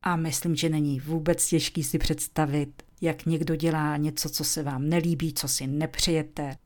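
A woman teaching English, speaking slowly and clearly, and sometimes dropping into a whisper to model phrases. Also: sits low, little pitch movement, a little mellow. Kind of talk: slow, deliberate language lesson.

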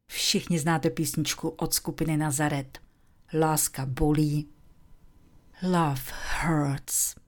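A woman teaching English, speaking slowly and clearly, and sometimes dropping into a whisper to model phrases. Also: low-pitched, flat delivery. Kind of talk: slow, deliberate language lesson.

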